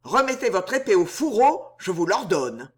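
A reader doing a calm, commanding mystery man. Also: medium pitch. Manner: authoritative and measured.

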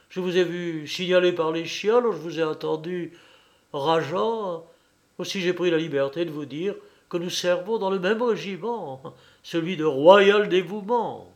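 A man reading the part of a shrewd, devoted young hunchback who speaks fervently and slyly. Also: sits high.

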